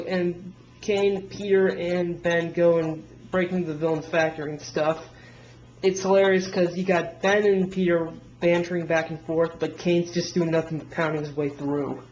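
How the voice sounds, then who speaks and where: A man's voice: on the high side, dull audio, slight background noise. A man casually reviewing comic books, rambling through plot recaps with frequent restarts.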